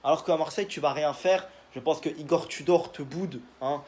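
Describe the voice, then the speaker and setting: A man's voice: a little high, normal speed, darkish tone. A young man, casually giving his football predictions in a rambling, joking monologue full of fillers. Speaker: football video creator.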